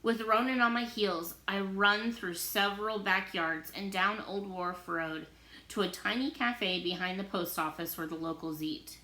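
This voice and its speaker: A woman, a teacher, reading a novel aloud in an expressive storybook manner, in a roomy-sounding recording. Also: medium pitch, measured pace. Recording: roomy echo.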